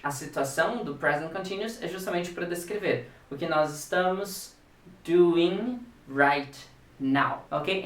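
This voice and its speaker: Playful teacher, echoey room. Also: male voice, high voice. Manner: playful, animated, spells out letters. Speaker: English teacher. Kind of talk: casual video lesson. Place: home. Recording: echoey room, distant mic.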